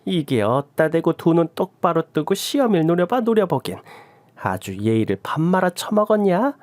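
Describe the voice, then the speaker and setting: A woman's voice: lowish voice, big pitch swings, normal speed, a little mellow, no echo. A woman voicing a scolding, abusive older mother-in-law who wails and curses in a radio drama. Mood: furious. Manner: wailing, cursing, theatrical sighs.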